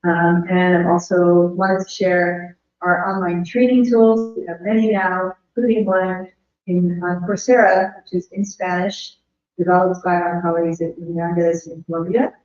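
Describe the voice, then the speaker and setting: A woman delivers an earnest academic presentation, her voice going hoarse. She builds her points in measured lists. The audio is roomy and dull, like a remote call. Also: on the low side, flat delivery, darkish tone. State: losing her voice. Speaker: invited speaker.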